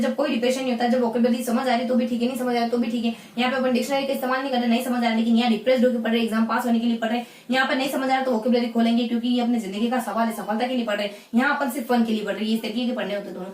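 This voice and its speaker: A woman teaching an exam-prep lesson at a rapid clip, her voice set a little high. She explains in loops, repeating points and filling gaps with hesitations. She sits off the mic in a roomy, echoing space with a faint hum behind her. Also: a little mellow, recorded from a distance. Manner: explanatory, repetitive, many fillers and restarts. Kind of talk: exam-prep lecture on English teaching methods. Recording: echoey room, voice off-mic, faint background hum.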